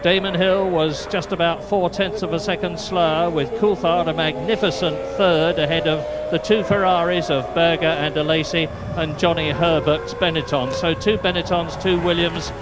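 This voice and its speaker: A man giving brisk, informative live motor racing commentary from a commentary box. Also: fairly high pitch, steady tone, heavy background noise. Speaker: lead race commentator. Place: commentary box at a race circuit.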